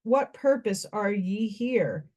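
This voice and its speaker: A merciful male spirit of life who sets conditions for mortals in a measured, ceremonial voice, read out by a woman. He speaks slowly and evenly. It sounds like a plain reading voice rather than a character voice. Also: mid-range voice, expressive, darkish tone. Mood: solemn.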